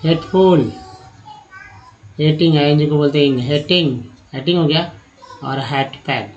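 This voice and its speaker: A man teaching English reading and pronunciation in a spoken lesson, slowly spelling out words letter by letter and repeating them. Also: on the high side, dull audio. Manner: slow, repetitive, spells out letters one by one.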